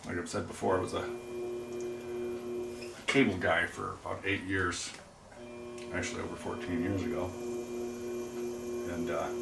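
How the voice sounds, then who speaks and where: A man's voice: sits low, creaky. A middle-aged man chatting while he works in his pottery studio, rambling and making self-deprecating jokes. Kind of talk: casual livestream chat while working. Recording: echoey room, distant mic, noisy.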